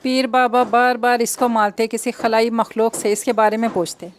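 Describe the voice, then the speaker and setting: A woman reading an audio novel in an even, measured storytelling voice. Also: on the high side, a little hiss or hum. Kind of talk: scripted narration of an audio novel.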